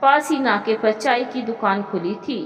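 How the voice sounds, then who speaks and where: Woman narrating a family moral story, kinda high voice, loads of echo. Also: a little slow. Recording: echoey room with long reverb.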